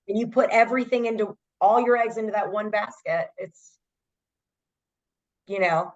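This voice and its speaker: A woman co-hosts a podcast in casual chat, agreeable, chatty and quick to laugh. Her voice is medium-pitched, and the recording has its highs cut off.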